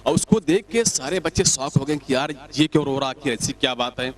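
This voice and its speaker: A male comedian telling a comic story in a chatty, lively way with asides to the audience. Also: medium pitch, brisk.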